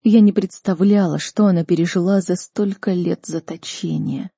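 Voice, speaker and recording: A woman narrating a first-person story as an audiobook, with a tense, emotional reading style. Her voice is dark, low and husky. The recording is dry and close, with no room sound. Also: steady tone, moderate pace, dry recording.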